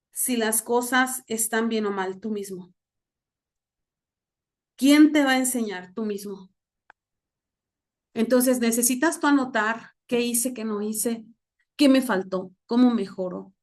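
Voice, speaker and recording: Slow, emphatic woman pastor. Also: fairly high pitch. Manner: slow, emphatic, repeats key words. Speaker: pastor teaching a leadership class. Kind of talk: church class lecture.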